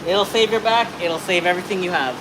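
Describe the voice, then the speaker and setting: A fast-talking man with a high voice, heard over heavy background noise, is a mechanic in his thirties. He gives a casual, rambling how-to on a brake job while working in an auto shop with a truck on a hoist, occasionally cursing.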